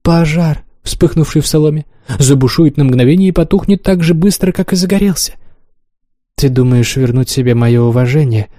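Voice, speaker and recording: Man playing cruel young noblewoman, haughty, taunting, mellow dark tone, dry close sound, audiobook. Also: on the high side, normal speed, no room sound, close to an everyday voice. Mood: scornful. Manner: taunting, haughty, coolly commanding. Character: imperious cruel young noblewoman, mocking and cold. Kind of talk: audiobook reading.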